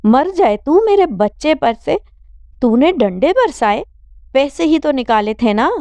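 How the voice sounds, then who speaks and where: A woman voicing a fierce, doting mother who wails and scolds in a sharp-tongued way. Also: a little high, smooth, no echo, close to an everyday voice. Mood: shrill, outraged. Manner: wailing, cursing, sharp-tongued.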